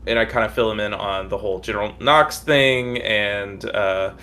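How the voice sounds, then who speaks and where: A man's voice: on the low side, pushed and bright, faint music behind. A man playing a tabletop role-playing game, speaking casually and hesitantly as he improvises. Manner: halting, hesitant.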